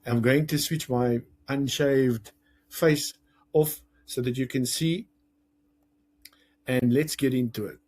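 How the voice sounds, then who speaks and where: Husky South African man teaching parents. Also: mid-range voice, slow, long pauses. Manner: lively, conversational, jokes and acts out quoted lines. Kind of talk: educational talk to camera.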